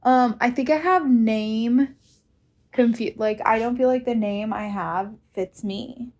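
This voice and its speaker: Brief: woman in her thirties, slightly high pitch, slow and laid-back, casual co-host. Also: darkish tone. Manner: casual, filler-heavy talk. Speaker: podcast co-host, makeup entrepreneur. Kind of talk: casual podcast chat.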